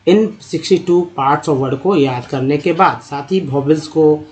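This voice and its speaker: A man teaching English reading in a spoken Hindi phonics lesson. He addresses viewers as friends, spells out letters and sounds out word parts slowly. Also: fairly high pitch, darkish tone, rough recording.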